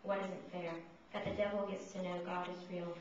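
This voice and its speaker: A woman giving a poetry reading, reciting her own verse in measured, solemn short phrases. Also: lowish voice, level tone, a little mellow. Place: reverberant indoor room, live reading. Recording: distant, muffled, echoey room with noise.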